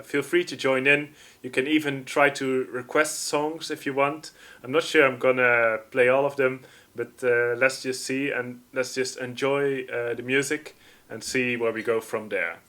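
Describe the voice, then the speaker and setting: A man's voice: medium pitch, sharp tone. A man hosting a live music stream, chatting loosely and reading out viewer comments. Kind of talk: casual livestream chat.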